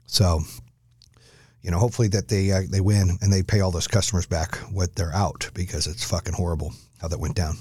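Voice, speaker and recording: A middle-aged man talks through a solo podcast episode in a blunt, cursing, rambling way, full of fillers and restarts. His voice sits rather low and sounds dark and mellow. He is recorded close to the mic in a dry, dead room. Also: steady tone, a little fast, breathy edge, no echo. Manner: blunt and profane, loose rambling with many fillers. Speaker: podcast host. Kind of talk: casual solo podcast talk. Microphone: close studio mic.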